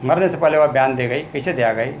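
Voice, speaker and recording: A man's voice: medium pitch, a little hiss or hum. A man with a Bhojpuri accent, a folk singer telling a story in speech and drawing out sung ballad verses between the spoken parts. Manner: slow, drawn-out sung lines between spoken narration.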